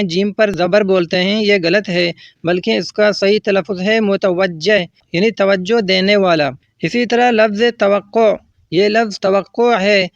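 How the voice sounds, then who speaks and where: A man's voice: high-pitched, gravelly, no echo. A man teaching correct word pronunciation, patiently and methodically, repeating each word with a short gloss. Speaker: Urdu language teacher. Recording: dull, slightly lo-fi dry recording.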